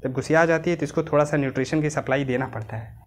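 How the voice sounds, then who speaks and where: Indian male biology tutor, casual lecture, dictates notes slowly. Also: a little high, steady tone, slight background noise. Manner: chatty, calls students "beta", slows right down to dictate English. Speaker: biology teacher.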